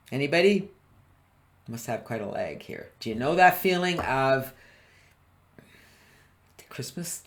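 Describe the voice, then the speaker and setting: A woman business coach giving a live online training, animated and constantly quizzing her listeners. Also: deep voice. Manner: animated, keeps quizzing the audience. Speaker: business coach presenting a webinar.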